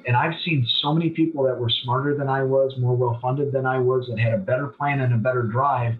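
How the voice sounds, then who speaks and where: Guest casting: plain-talking man in his forties, mid-pitched, self-deprecating, thin distant phone-like line. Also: a little fast. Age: 40s. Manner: blunt, self-deprecating, animated when emphatic. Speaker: business owner, podcast guest. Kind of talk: candid conversational storytelling.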